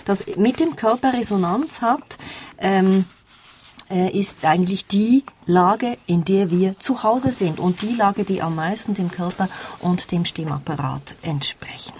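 A woman's voice: lowish voice, measured pace, a little mellow, slight background noise. A woman presenting a book on a radio discussion, explaining things step by step and sometimes demonstrating sounds. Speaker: book reviewer guest.

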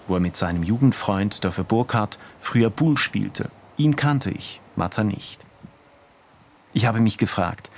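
Measured male radio host, low voice. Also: slight background noise. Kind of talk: scripted radio narration. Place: home office.

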